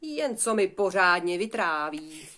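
A woman voicing a hungry, boastful male wolf in a storybook, speaking loudly and slowly drawing out his words. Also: fairly low pitch, sing-song. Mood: gloating. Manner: loud, drawn-out and gloating.

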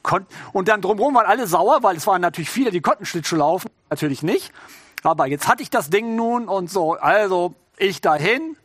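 A middle-aged man delivering a sermon in a loose, conversational way, as if chatting with his congregation. His voice sits fairly high and he keeps checking in with them through little rhetorical questions. The sound is dry and close, with no room echo. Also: expressive, fairly quick, a bit bright. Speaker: preacher.

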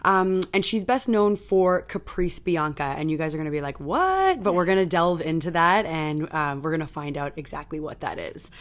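Lower-pitched woman hosting an interview. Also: animated, normal speed, few pauses. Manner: friendly and upbeat, asking questions with lots of "um" and "like". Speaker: podcast host. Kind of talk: casual interview.

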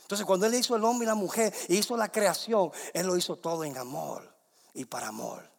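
A young adult man preaching a sermon, moving between loud emphatic declarations and soft hushed passages. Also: high-pitched, fairly quick, gravelly. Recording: long hall reverb.

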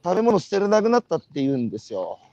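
Animated host with a northern Japanese twang. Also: male voice, high-pitched, racing, highs cut off. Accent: Tohoku Japanese. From Iwate, Japan. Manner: animated, storytelling with rhetorical questions. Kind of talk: walking conversational interview. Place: outdoors, walking.

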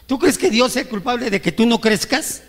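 A man's voice: very high voice, normal speed, gravelly. A male pastor preaching a sermon, firing rhetorical questions at the congregation and acting out whiny complaints to God. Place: church. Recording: reverberant church hall.

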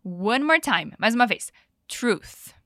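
Brief: higher-voiced woman, podcast English teacher, patient drill pacing, dry close sound. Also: animated, pushed and bright, no echo. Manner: patient, coaching, slows down for model phrases. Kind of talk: podcast language lesson.

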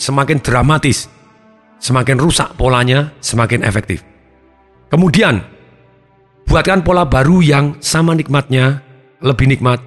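A male therapist speaks to a seminar audience with a middle-pitched voice. He stays lively, acting out small scenes and sound effects as he teaches. Faint music plays behind him. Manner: lively, acts out scenes and sounds while explaining. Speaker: habit-change therapist and trainer.

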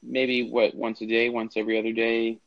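A man's voice: medium pitch, completely flat delivery, a little fast, creaky, dry recording. A man hosting a casual group call, talking through AirPods with a speakerphone-like sound, rambling with lots of filler words. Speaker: call host. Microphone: AirPods earbuds on a call. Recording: dull lo-fi call audio.

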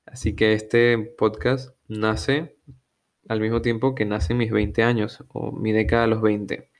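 Slow, gravelly young man musing aloud. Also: fairly low pitch, flat delivery. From Venezuela. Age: young adult. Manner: slow, hesitant, searching for words with frequent restarts. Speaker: podcast host. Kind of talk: solo reflective monologue.

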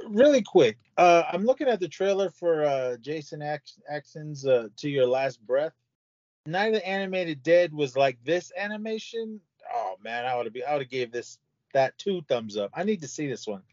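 A man's voice: a little high, big pitch swings, moderate pace, a little mellow, dry recording. An older man, a podcast guest, rambling casually with lots of fillers. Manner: rambling, filler-heavy plugs. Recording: dry, dull lo-fi audio.

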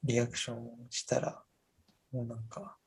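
Soft, breathy-voiced man chatting casually. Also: little pitch movement, normal speed. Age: 30s. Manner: rambling, many fillers, soft and low-key. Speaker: podcast co-host. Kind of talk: casual chat. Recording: faint music underneath.

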